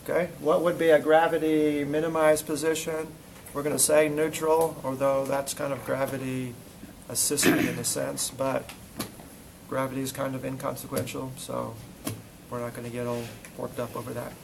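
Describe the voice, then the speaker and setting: Gravelly and mid-range, the instructor's voice stays flat at a moderate pace while he runs a hands-on classroom demo. He drills students with short repeated commands and quizzes them between steps, in a noisy recording.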